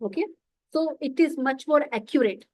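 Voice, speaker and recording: A woman's voice: sits high, normal speed, darkish tone, no room sound, poor audio. A woman giving an online nutrition lecture, explaining step by step and often checking in with "okay". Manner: explanatory, repeats terms and says okay often.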